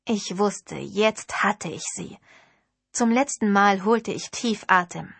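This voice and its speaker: A woman narrating a novel in the first person, in an even, expressive storytelling voice. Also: mid-range voice, slow pace, creaky, breathy edge, dry recording. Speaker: audiobook narrator.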